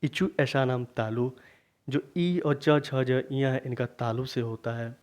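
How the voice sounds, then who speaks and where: A man teaching a grammar lesson for exam preparation, asking questions and then answering them himself, repeating key points slowly. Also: medium pitch, a little mellow. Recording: dull lo-fi recording.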